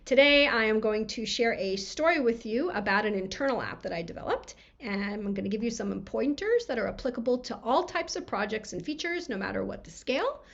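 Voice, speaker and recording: An American woman giving a recorded conference talk, friendly and quick-talking, her voice scratchy from a cold. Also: fairly high pitch, lively intonation, vocal fry, fairly bright tone, lo-fi sound. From USA. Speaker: conference speaker. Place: home room lined with books.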